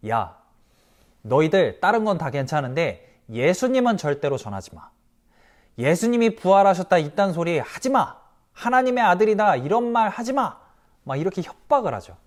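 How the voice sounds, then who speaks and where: A man giving a children's sermon as pastor, telling the story in a lively way, asking the kids questions and acting out the quoted voices. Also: fairly high pitch.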